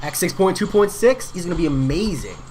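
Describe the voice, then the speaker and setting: A male game streamer talks casually to his live chat while he plays. His voice swings widely up and down in pitch, and his delivery is slangy and relaxed. He answers viewers by name in easy, offhand chatter. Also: brisk, slight background noise.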